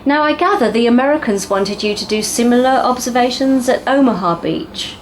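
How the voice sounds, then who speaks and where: A woman's voice: a little high, brisk, a little hiss or hum, poor audio. A woman interviewing a retired general for a documentary, polite and formal.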